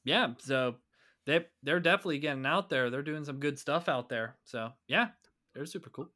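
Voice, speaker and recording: A man's voice: fairly high pitch, moderate pace, bright, forceful tone. A man, co-hosting a casual podcast chat and talking animatedly, swearing and bragging about his trivia. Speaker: podcast co-host.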